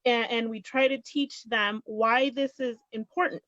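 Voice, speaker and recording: A middle-aged woman with a high voice tells her story in a conversational, emphatic way, often repeating phrases and voicing quotes. The recording is dry and slightly muffled. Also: steady tone, a little slow, fairly bright tone, no echo. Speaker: small business owner, guest.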